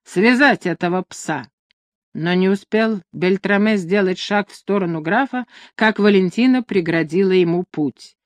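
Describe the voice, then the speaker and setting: A woman reading a historical novel aloud, narrating in an even, expressive storytelling manner. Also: mid-range voice, normal speed, few pauses, dry recording. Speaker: audiobook narrator. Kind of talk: scripted narration.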